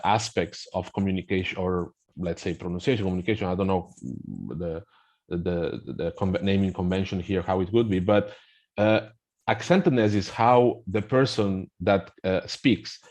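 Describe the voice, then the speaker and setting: A middle-aged man from Spain, speaking with a Spanish accent, appears as a guest representing a language app. His voice is fairly low with a darkish tone, and he explains things hesitantly and conversationally, full of fillers and restarts.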